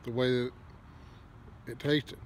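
Middle-aged man, mouth around a pipe, easygoing rambling vlog chatter, mid pitch, faint hiss behind. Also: takes it slowly. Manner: relaxed, rambling, folksy. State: talking with a pipe in his mouth. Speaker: pipe smoking vlogger. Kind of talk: casual vlog talk to camera.

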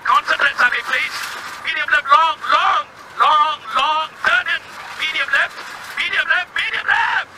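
A man acts out an excitable rally co-driver in a cartoon parody. The voice is very high and swings widely, urgent and exasperated, barking directions in a very noisy replayed clip. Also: unhurried, exaggerated voice.

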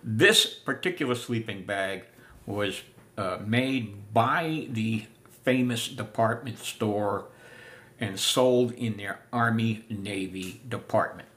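An older man giving a casual spoken history lesson, unhurried with many filler pauses, seated in a room full of antiques. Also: lowish voice, a bit bright. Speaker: living history presenter.

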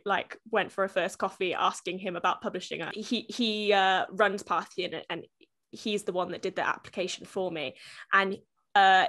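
A young woman talks over a headset on a video call from a small room at home. She is chatty and loose, with lots of fillers, restarts and quick asides as she explains her work. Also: medium pitch, pushed and bright. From South Wales. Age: 20s. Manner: chatty, gestures while talking, many fillers and restarts. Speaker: interview guest, publishing professional. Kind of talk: casual video call interview.

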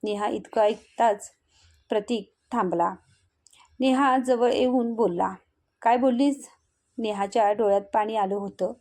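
A woman's voice: medium pitch, steady tone, measured pace, darkish tone. A woman reading a heartfelt family story aloud, narrating steadily and speaking the characters' lines in her own voice.

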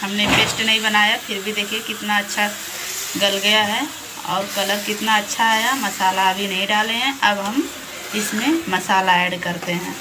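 Heavy frying noise fills this home kitchen clip, where a woman at a frying pan narrates a recipe for her cooking channel. Her medium-pitched voice keeps a steady tone and moderate pace, patient and instructive, and she often says "dekhiye" to show what she means. Loud sizzling and stirring carry on throughout.

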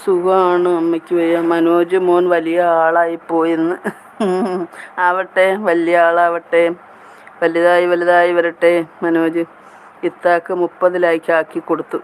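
A chatty woman hosts a live stream, reading her viewers' comments aloud and answering them one by one. Her voice stays level and even, with little rise or fall. A faint noise hums behind her. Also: fairly low pitch, a little slow, low-quality recording. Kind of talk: casual live chat with viewers.

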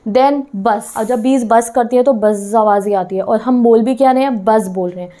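A woman teaches a class at a normal speed in a fairly high, warm, mellow voice, mixing English terms into her explanations. She keeps questioning her students and repeatedly checks that they're following, often saying "theek hai."

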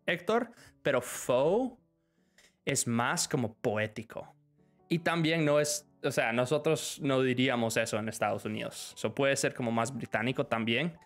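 A man's voice: mid-range voice, a bit bright. Bilingual male teacher, faint music. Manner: switches between Spanish and English, reads questions aloud. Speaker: language teacher answering live chat questions. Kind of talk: live stream lesson.

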